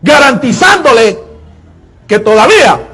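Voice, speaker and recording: A man preaching a sermon in an emphatic style, repeating his phrases and often pausing on filler words. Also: very high-pitched, very animated, fairly bright tone, breathy edge.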